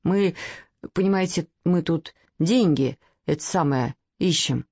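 A woman's voice: low voice, a little slow, dark tone, breathy edge, dry recording, exaggerated voice. A woman voicing a young boy who mumbles hesitantly and sullenly. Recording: dry, slightly dull recording.

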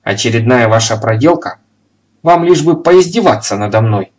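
A shrill, scolding landlady, as a male reader puts her on, loud and indignant. The voice is pushed a little higher than his own and sounds sharp with anger. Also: moderate pace, natural voice. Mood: furious. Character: furious middle-aged landlady.

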